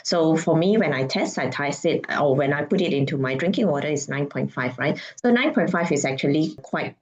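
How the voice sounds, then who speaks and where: Co-host: woman, deep voice, casual step-by-step explainer. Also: lively intonation, fairly quick, muffled recording.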